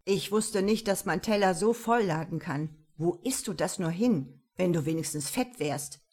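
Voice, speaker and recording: A woman's voice: on the low side, expressive, a little slow, a little mellow, breathy edge. A wry male colleague, voiced by a woman narrator, dry and teasing in tone. The reading stays close to a plain storytelling voice.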